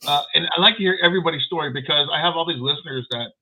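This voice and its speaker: A man's voice: on the high side, very fast. Playful male host, slightly lo-fi sound. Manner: playful, jokey. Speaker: podcast host. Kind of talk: casual interview chat.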